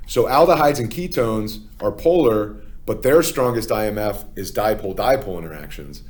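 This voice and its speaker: A man's voice: lowish voice, expressive, normal speed, darkish tone. A man with a Philadelphia accent, teaching a chemistry lesson step by step and often checking in with "okay?". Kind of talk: classroom lecture.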